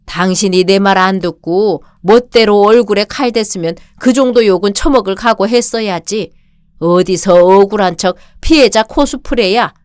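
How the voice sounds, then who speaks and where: A woman's voice: mid-range voice, normal speed, clean tone, no room sound, clean studio sound, lightly acted. A woman reading the part of a domineering older father-in-law in a radio drama, barking insults and orders. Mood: contemptuous.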